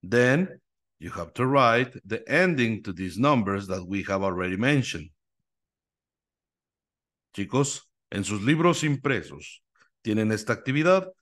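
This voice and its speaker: A man teaching English numbers to students, slowly repeating each word three times and explaining in Spanish with a Mexican accent. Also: fairly low pitch, very animated, fairly bright tone. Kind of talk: slow, repetitive English lesson drill.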